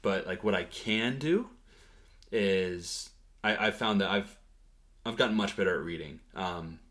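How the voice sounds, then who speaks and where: A man shares a laid-back talking-head update about learning a language, his voice deep and low. He often stalls with "um" and "like" and keeps restarting sentences as ideas come to him.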